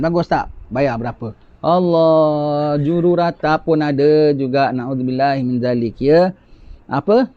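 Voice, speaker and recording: A man's voice: a little high, a little mellow, no room sound. A man giving a religious lecture who explains patiently, repeats key phrases and asks rhetorical questions. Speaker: religious teacher. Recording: dull lo-fi recording.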